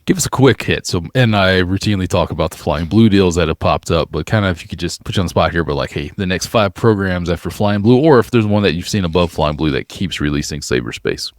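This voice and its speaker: Low-voiced playful podcast host. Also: male voice, expressive, fast talker, hardly any pauses, no echo, clean studio sound. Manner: playful, joking questions. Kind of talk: podcast interview.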